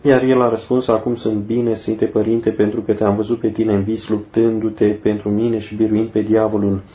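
A man giving a solemn, measured devotional reading of a saint's life, slowing down for the prayers. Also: on the low side, little pitch movement. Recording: dull lo-fi recording.

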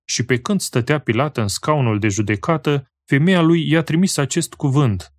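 A man reading scripture aloud in a solemn, slow and measured way, pausing phrase by phrase. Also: on the high side, no echo. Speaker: scripture reader.

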